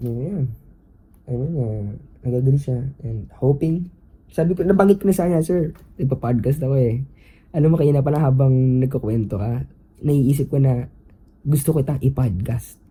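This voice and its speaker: A man's voice: medium pitch, moderate pace, husky, low-quality recording. A young Filipino man hosting a podcast, telling a story casually in mixed Tagalog and English with lots of fillers. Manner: animated, Taglish chatter with many fillers. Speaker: podcast host.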